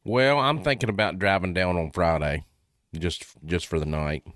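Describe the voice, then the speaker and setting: A man's voice: low voice, normal speed, a bit bright. Easygoing man hosting a podcast. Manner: easygoing, short friendly prompts. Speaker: podcast host. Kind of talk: casual podcast chat.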